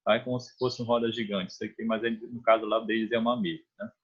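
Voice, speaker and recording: A man's voice: fairly low pitch, flat delivery, fast, fairly bright tone, slightly rough. A man with a Brazilian Portuguese accent teaching a math lesson online, explaining step by step and often checking in with his students. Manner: conversational, restarts phrases while drawing. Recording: dull lo-fi online class audio.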